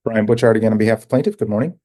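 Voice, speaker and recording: A man's voice: on the low side, rapid-fire, dark tone. A male attorney for the plaintiff, reading out balances in a businesslike way. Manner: businesslike, reads figures. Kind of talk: courtroom statements.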